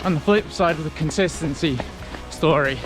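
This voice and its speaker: A man talking casually to camera as a running vlogger, in a reflective, conversational way with halting short phrases. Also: a little high, over loud music, low-quality recording. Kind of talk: casual vlog talk to camera.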